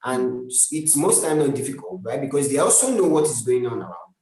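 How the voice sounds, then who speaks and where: A man's voice: mid-range voice, lively intonation, fairly quick, dark tone. A man with a Nigerian accent, a brand strategist, explaining earnestly in a live-stream interview with many restarts and tag questions. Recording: echoey room.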